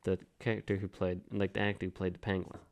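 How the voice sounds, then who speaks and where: A man co-hosting a podcast, chatting casually in a halting way with lots of restarts. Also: low voice, flat delivery, vocal fry, darkish tone. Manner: halting, full of restarts and repeated "like". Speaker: podcast co-host. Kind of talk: casual chat.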